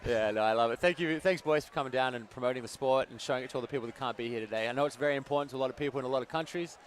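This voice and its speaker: A man's voice: mid-range voice, racing, a little hiss or hum. Earnest male co-commentator outdoors. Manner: earnest, enthusiastic, praising. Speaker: co-commentator and league representative. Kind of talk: sports commentary. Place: outdoor sports ground.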